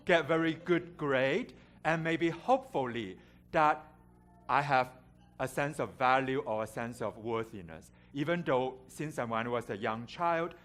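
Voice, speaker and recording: A man's voice: mid-range voice, fairly bright tone. Man, from Hong Kong, middle-aged, guest preacher, candid storytelling sermon, wry humor. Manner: candid, self-deprecating, with light humor. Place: church sanctuary.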